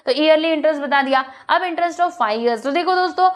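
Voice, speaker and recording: A woman's voice: high voice, normal speed. A young woman teaching a math lesson in a chatty, coaxing way, often asking her students questions and mixing in English terms. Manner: mixes English terms into explanations.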